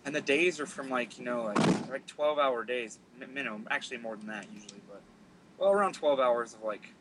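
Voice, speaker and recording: A man hosting a casual podcast, laid-back with dry, deadpan humor. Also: medium pitch, brisk, noisy background. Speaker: podcast host.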